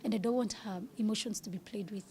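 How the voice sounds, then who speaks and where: A woman's voice: mid-range voice, fast talker, warm tone. A woman in her thirties, speaking candidly as an interview guest, earnest and at times dropping to a whisper.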